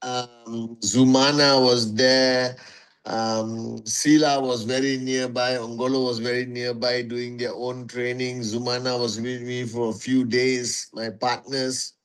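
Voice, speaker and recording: Speaking slowly in a clean, level, mid-range voice, this man runs a casual phone-mic livestream for people who follow his network marketing. Each viewer gets a personal greeting as a warrior, and he repeats phrases to drive points home.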